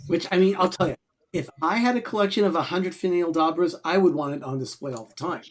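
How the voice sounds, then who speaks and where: A man's voice: fairly high pitch, fast talker, noisy background. A man co-hosting a casual watch party, earnestly walking friends through the plot. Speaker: co-host.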